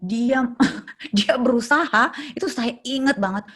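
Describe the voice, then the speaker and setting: A woman's voice: a little high, unhurried, fairly bright tone, husky. A middle-aged woman, a child therapist, telling stories in a casual interview and acting out scenes with sound effects.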